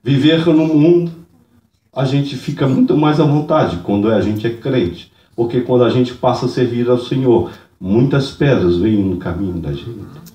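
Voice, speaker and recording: A man preaching a fervent sermon and testimony in church, moving from hushed tones to shouts. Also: medium pitch, unhurried. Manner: fervent, swings from hushed to shouting, speaks in tongues. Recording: echoey church hall, distant mic.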